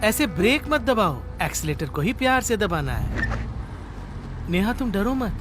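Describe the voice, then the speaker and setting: A slow, lilting husband teases and coaxes his nervous wife behind the wheel, his voice swinging widely in pitch. It is a Hindi film dub. Loud score plays beneath him. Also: sing-song. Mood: coaxing. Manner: teasing and coaxing, bursts of laughter. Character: cheerful son-in-law teaching his wife to drive. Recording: film soundtrack with loud music.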